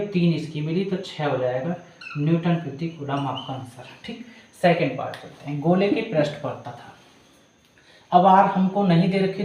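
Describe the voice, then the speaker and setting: A man's voice: on the high side, darkish tone. A man teaching physics, working a problem step by step and calling students "beta". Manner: calls students "beta", walks through each step. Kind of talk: step-by-step problem solving lesson. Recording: very echoey room.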